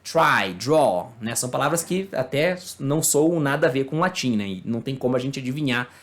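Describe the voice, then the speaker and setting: A Brazilian man, a native Portuguese speaker, giving a casual online English lesson, explaining slowly and checking in with tag questions and fillers. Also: medium pitch, expressive, fairly bright tone. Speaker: English teacher.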